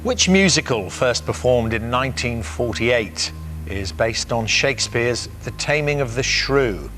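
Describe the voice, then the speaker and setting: Brisk male quiz show host. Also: medium pitch, lively intonation, fairly bright tone, soft background music. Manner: brisk, upbeat, with frequent "uh" fillers. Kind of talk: television quiz hosting. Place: television studio.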